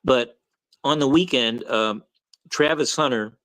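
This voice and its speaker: A man's voice: mid-range voice, a little slow, a bit bright, no room sound, poor audio. An older man on a sports talk panel, grumbling and sarcastic, often restarting his sentences. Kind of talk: casual sports banter.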